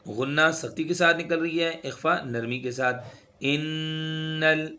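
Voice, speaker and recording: A man teaching recitation rules, explaining each rule and then slowly chanting the words with drawn-out sounds to demonstrate. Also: a little high, sharp tone. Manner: instructive, repeats sounds to demonstrate. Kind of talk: tajweed lesson.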